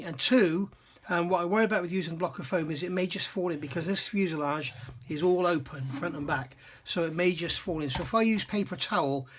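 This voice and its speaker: A man's voice: sits high, a bit bright. A man hosting a scale model building channel, talking casually at his workbench in a rambling, self-deprecating way, his throat dry and catching now and then. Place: home hobby workbench.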